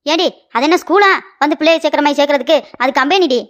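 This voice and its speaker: A woman voicing a sharp-tongued, scolding middle-aged mother-in-law in a cartoon comedy. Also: high voice, lightly acted. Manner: rapid scolding and mocking.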